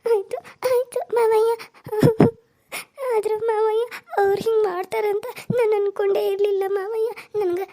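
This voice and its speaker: A woman's voice: very high voice, little pitch movement, moderate pace, dark tone. Tearful frightened young woman. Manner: tearful pleading. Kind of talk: cartoon serial voice acting.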